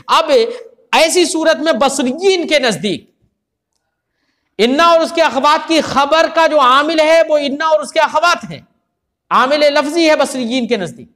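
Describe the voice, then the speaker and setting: High-voiced man quizzing his class. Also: pushed and bright. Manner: keeps quizzing listeners with rhetorical questions. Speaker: teacher of Arabic grammar. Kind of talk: classroom lecture.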